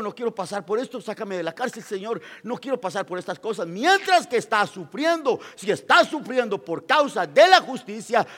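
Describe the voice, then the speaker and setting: A male pastor preaching a sermon, repeating phrases for emphasis and swinging between loud proclamations and quiet asides. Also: extremely high pitch, big-room sound. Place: church.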